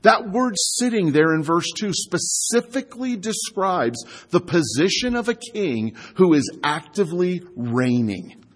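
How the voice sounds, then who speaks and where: A man delivers a sermon with a voice pitched high for a man. His tone is husky, and he talks to his congregation casually, asking rhetorical questions and stretching out the words he wants to stress. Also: sing-song, unhurried, long reverb tail. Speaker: pastor.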